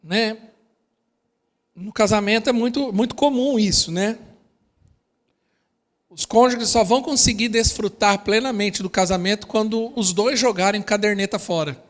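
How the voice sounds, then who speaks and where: A male pastor with a Brazilian accent preaches at an unusually high pitch for a man. He speaks to his congregation directly and with energy. His voice rings out in a church hall with a long, lingering reverb. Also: measured pace, long pauses. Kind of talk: sermon.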